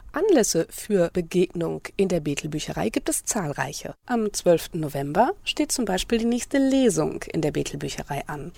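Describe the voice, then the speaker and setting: A woman narrates a radio feature in a steady, measured read. Her voice sits low with a gravelly edge, and the close studio mic leaves it dry. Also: dry recording. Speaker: radio reporter.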